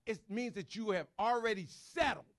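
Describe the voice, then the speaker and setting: A man preaching a sermon with call-and-response, shouting in bursts and speaking. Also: high voice, normal speed. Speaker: pastor.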